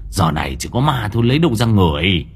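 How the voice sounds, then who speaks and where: Short-tempered old-fashioned husband in a horror audiobook, read by a man, husky, snappish scolding. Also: low voice, sing-song, measured pace, faint music behind, exaggerated voice. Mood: grumpy scolding. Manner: scolding, irritable.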